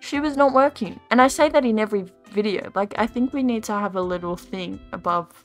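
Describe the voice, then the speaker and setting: A woman's voice: medium pitch, fairly quick, faint music behind. A tired young woman rambling and ranting in a casual, self-deprecating voice-over while she builds in a game. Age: young adult. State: tired, yawning. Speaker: Sims gaming YouTuber.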